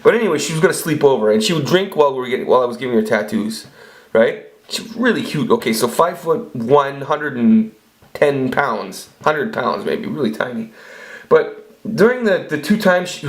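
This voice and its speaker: A man in his forties, a vlogger, rambles through crude stories in a casual monologue, swearing a lot and starting sentences over. His mid-range voice is animated and fairly quick.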